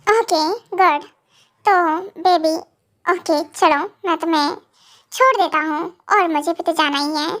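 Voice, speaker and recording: A woman's voice: extremely high pitch, a little slow, fairly bright tone. A woman voicing a stern, protective young husband who lectures his wife, in a fan audio drama.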